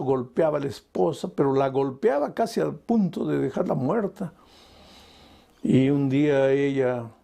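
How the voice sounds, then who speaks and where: An older man preaches with a gravelly, somewhat high voice that has a dark, mellow color. He pleads with the listener in an impassioned way, rising to loud calls and then dropping to soft, tender words. He keeps addressing the listener as "dear.". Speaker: pastor. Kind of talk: evangelistic sermon.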